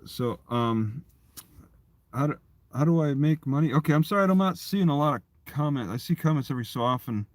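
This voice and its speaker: A live streamer chats casually, rambling in a halting way and often repeating and restarting his phrases. His voice is on the high side, with no echo.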